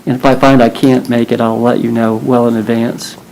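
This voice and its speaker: A man's voice: medium pitch, flat delivery, gravelly, a little mellow, a little hiss or hum, low-quality recording. Polite man chairing a board meeting. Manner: polite, procedural, unhurried.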